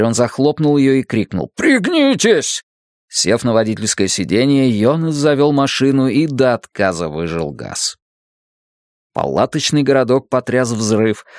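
A man narrating a dramatic audiobook in a steady, measured way. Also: medium pitch, dry recording, studio quality.

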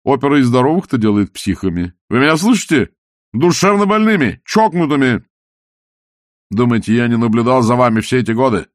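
A man's voice: medium pitch, very animated, a little fast, no echo, clean studio sound, natural voice. A man voicing a scheming, mocking male opera villain who speaks in a sneering, theatrical, taunting way.

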